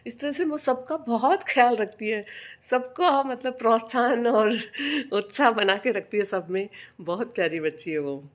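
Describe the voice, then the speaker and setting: A woman's voice: fairly high pitch, normal speed. Older woman chatting fondly. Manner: fond, chatty storytelling that imitates a child's voice. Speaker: vlogger. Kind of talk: casual chat to camera.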